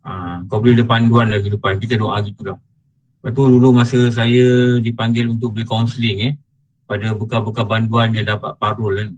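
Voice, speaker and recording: A middle-aged man with a Malaysian Malay accent giving an online religious lecture, chanting verses slowly and then explaining them in a casual teaching tone. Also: fairly low pitch, little pitch movement, dull audio.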